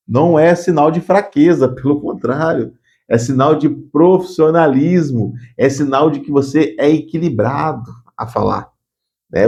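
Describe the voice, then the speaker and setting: A man's voice: mid-range voice, gravelly, a little mellow. A man giving an earnest spoken lesson on workplace communication, often repeating words as he thinks. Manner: acts out curt bossy phrases as examples.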